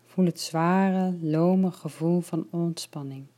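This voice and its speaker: A woman leading a guided relaxation, her voice low and mellow. She talks slowly and softly, sometimes dropping to a whisper. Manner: slow, soft and soothing, partly whispered.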